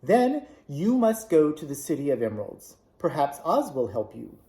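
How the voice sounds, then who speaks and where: A man voicing a kindly little old witch woman in a storybook reading, with a gentle, solemn manner, raised higher than his own voice. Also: huge pitch swings, moderate pace. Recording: echoey room.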